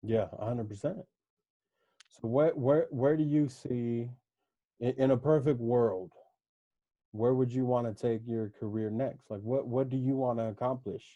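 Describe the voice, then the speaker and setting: A man's voice: medium pitch, measured pace, warm tone, muffled recording. A man hosting a casual interview, asking questions in a chatty, informal way. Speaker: podcast interviewer.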